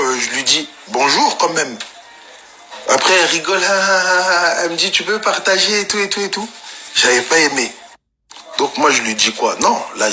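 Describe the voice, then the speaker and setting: A young man casually telling an anecdote in slangy, animated street talk. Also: medium pitch. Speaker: storyteller guest.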